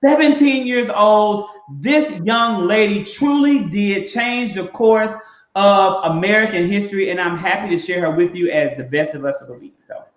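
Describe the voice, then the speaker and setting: High-voiced man, roomy lo-fi sound. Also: moderate pace. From Mississippi. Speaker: podcast co-host. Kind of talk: casual discussion.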